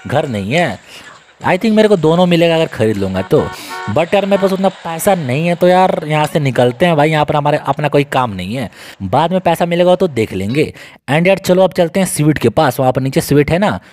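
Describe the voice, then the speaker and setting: A young man, giving casual, excitable, joking commentary on a video game as he plays and talks to his viewers. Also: a little high. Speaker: gaming YouTuber.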